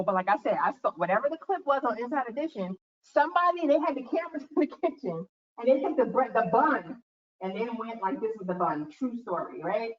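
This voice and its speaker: Woman speaker in an echoey room. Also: on the high side. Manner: animated storytelling with acted-out quotes. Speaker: guest speaker. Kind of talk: talk to students. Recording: echoey room, distant mic, dull sound.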